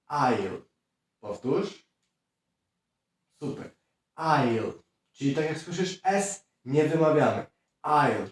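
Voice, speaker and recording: A man teaching English pronunciation, drilling words slowly and clearly and prompting the listener to repeat. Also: medium pitch, darkish tone. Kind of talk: pronunciation lesson. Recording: very echoey room, heard from a distance.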